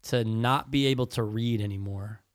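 A man's voice: lowish voice, normal speed. A man bantering casually as a podcast co-host, teasing, with slangy, sweary talk.

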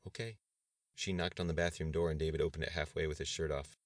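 A male audiobook narrator reads in an extremely deep, low voice at a measured pace. The sound is dry and close, with no echo at all. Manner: measured, even reading. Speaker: audiobook reader. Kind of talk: scripted narration.

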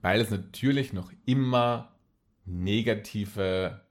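A man's voice: fairly low pitch, takes it slowly. A man with an Austrian accent talking casually and personally as an interview guest, repeating phrases for emphasis.

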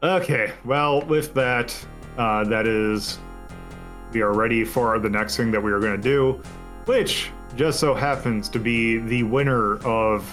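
A man hosting a casual podcast, talking in a relaxed, rambling way with plenty of fillers. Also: medium pitch. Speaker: podcast host. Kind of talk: casual chat.

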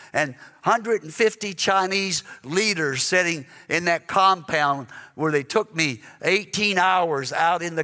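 A man's voice: on the high side, bright, forceful tone. A man preaching a sermon in a church, telling a story earnestly and often repeating words when he is moved. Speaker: guest preacher. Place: church sanctuary. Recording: long reverb of a large hall.

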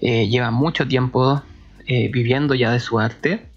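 A man's voice: mid-range voice, fairly even intonation, a little slow, gravelly, breathy edge, dull audio, faint music behind. A man hosting his own podcast, introducing a guest he admires and chatting with enthusiasm. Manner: eager, enthusiastic, warm fan. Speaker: podcast host. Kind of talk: casual podcast intro and interview.

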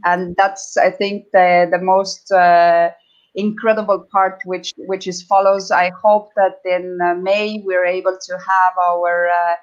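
As an interview guest, a woman from Estonia replies in a conversational, halting manner, often pausing and repeating words, with an Estonian accent. She has a fairly low pitch and a level tone, and the sound is lo-fi.

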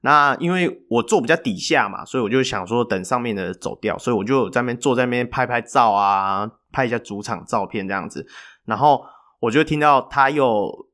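A man, co-hosting a podcast and telling a story in a chatty, animated way with filler pauses. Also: mid-range voice. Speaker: podcast co-host. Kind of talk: casual storytelling chat.

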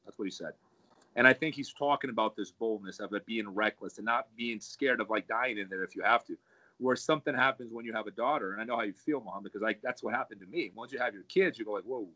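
Man, jiu-jitsu coach, bright tense tone, reflective, halting. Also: lowish voice, rough recording. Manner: reflective, repeats words while searching. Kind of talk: casual chat.

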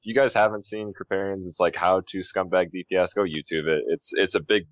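A man with an extremely low, deep voice chats on a gaming podcast, laughing easily and filling pauses as he talks. His mic sounds dull and lo-fi. The sound is dry and close. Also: steady tone, no room sound. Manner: chatty, laughs often, many fillers. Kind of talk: casual gaming podcast chat.

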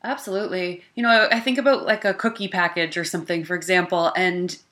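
A woman's voice: on the low side, steady tone, fast talker, a bit bright. A woman hosting a podcast, asking questions in a friendly, chatty way and encouraging her guest. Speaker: podcast host. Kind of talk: casual interview chat.

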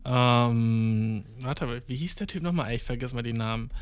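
A young man doing a rambling comedic monologue, full of swearing and English slang, jumping from mumbled asides to excited outbursts. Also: mid-range voice, moderate pace, smooth, dry recording. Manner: slangy, profane, mixing English words into German; jumps from deadpan mutters to excited outbursts.

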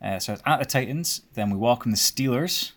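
A man's voice: mid-range voice, animated, brisk. Chatty young man hosting a sports chat. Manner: chatty, rambling with fillers. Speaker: podcast host.

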